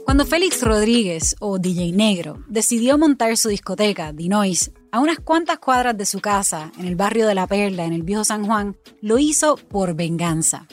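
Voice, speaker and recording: A woman's voice: mid-range voice, animated, normal speed, few pauses, faint music behind. Puerto Rican woman narrating a documentary podcast. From Puerto Rico. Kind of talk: scripted narration.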